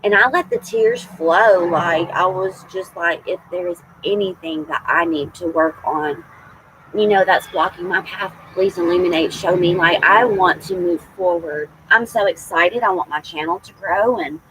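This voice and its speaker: A woman in her forties, a tarot reader hosting a casual livestream, chatting warmly with viewers and calling them y'all. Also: fairly low pitch, normal speed, noisy background. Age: 40s.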